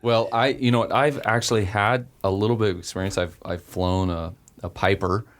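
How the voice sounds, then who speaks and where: A man's voice: fairly low pitch, steady tone, fairly quick. A man co-hosting a podcast, reacting in casual chat with short exclamations. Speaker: podcast co-host.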